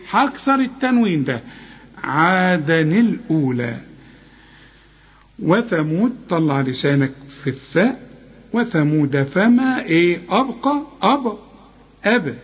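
Husky, high-voiced Egyptian recitation teacher. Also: male voice, dull audio. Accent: Egyptian Arabic. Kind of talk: one-on-one recitation lesson.

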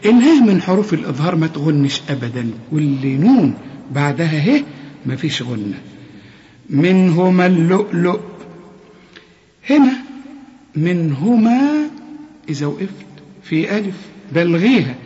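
A man's voice: a little high, sing-song, moderate pace, mellow. A man with an Egyptian accent teaching Quran recitation rules, correcting each sound and quizzing the listener. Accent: Egyptian Arabic. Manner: corrective, repeats sounds and asks the listener questions. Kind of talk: tajweed lesson with recited examples. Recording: dull lo-fi sound with long reverb.

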